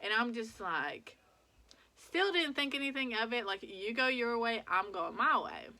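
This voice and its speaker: A woman in her twenties casually retelling a story to her viewers, animated and full of "like"s. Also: fairly high pitch, a little slow. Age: 20s. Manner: animated retelling with many "like"s and acted quotes. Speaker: vlogger.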